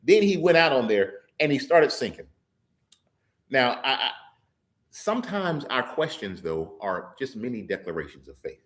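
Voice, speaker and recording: A man's voice: mid-range voice, sing-song, normal speed. A man giving a sermon in a church service, talking in an emphatic, folksy way and often restarting his words. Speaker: lay preacher and trial lawyer.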